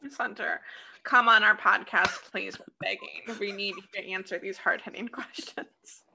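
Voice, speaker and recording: Bright-voiced woman with an Iowa accent. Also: mid-range voice, normal speed, vocal fry, slight background noise. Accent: Des Moines, Iowa. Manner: playful, teasing deadpan jokes. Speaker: podcast co-host. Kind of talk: casual comedic chat.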